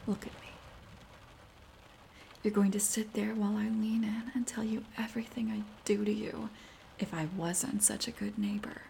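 A woman playing a seductive, teasing, dominant neighbor in an ASMR role-play, breathy and coaxing, speaking intimately right in the listener's ear. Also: medium pitch, slight background noise. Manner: intimate soft-spoken right in your ear; slow, coaxing, breathy delivery.

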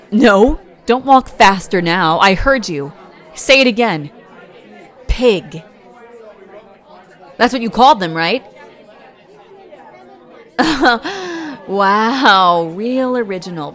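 In a roleplay audio, a woman plays a fiercely protective young girlfriend who speaks directly to you and calls you "baby," at a medium pitch close to an everyday voice. She talks slowly, taking her time over every word, with a faint crowd murmur in the background.

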